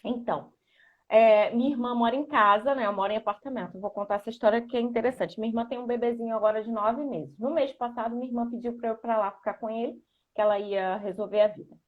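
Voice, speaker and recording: A woman with a high voice explains early childhood learning in a lively, talkative way, often tagging sentences with a questioning "né". Her audio sounds dull and muffled, as if it came through a video call. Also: fast. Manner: animated, lots of "né". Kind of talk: conversational explanation and storytelling.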